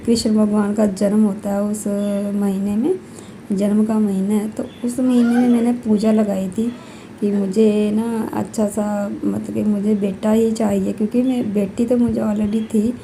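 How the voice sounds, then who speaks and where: A young woman vlogging at home, talking quietly so her sleeping children stay asleep, scolding and repeating herself. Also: medium pitch, level tone, unhurried, a little hiss or hum, low-quality recording. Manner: speaks softly while children sleep. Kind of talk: casual vlog talk to camera.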